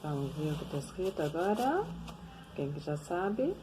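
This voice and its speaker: A Brazilian woman teaching reading, sounding out words syllable by syllable in a patient, drawn-out way. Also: low voice, big pitch swings, noisy background. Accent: Brazilian Portuguese. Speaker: literacy teacher. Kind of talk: slow syllable-by-syllable reading lesson.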